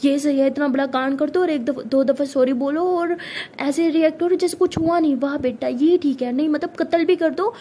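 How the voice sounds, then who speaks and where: A woman voicing an angry, hurt young college woman who scolds her girlfriend with sharp retorts. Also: sits high, steady tone, quick pace, slight background noise, close to an everyday voice. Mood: angry scolding.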